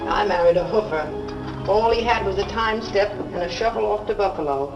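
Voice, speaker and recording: An American actress in a 1930s film comedy playing a worldly, wisecracking friend with a wry, sardonic manner. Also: female voice, mid-range voice, brisk, dull audio, close to an everyday voice. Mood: wry, rueful. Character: wisecracking, worldly, tough-hearted female rooming-house friend. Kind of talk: 1930s Hollywood comedy acting. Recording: old 1930s film soundtrack, music behind.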